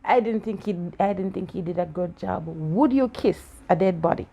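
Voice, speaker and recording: This aunt's voice is on the low side with a dark tone, and she speaks at a normal speed in a muffled recording. In a casual chat after reading a story, she asks the child questions, laughs a lot, and teasingly disputes the child's answers.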